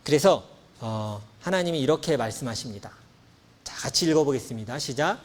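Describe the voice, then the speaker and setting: A man's voice: mid-range voice, animated, brisk. A man in his thirties preaching a sermon as pastor, telling a personal story with emotion and acting out the dialogue. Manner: emotional storytelling, acts out dialogue, swings from loud to hushed.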